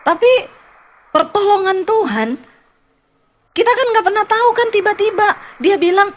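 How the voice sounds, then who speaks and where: A woman's voice: very high-pitched, animated, normal speed. A middle-aged woman pastor preaching a sermon, telling a church member's story and voicing each person in it. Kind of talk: sermon retelling a testimony.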